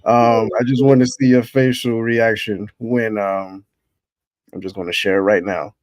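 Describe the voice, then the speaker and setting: A man's voice: on the low side, level tone, measured pace, no room sound. Laid-back man hosting a casual chat. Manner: laid-back, laughs often, loose and rambling. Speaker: host running a wrestling bracket show.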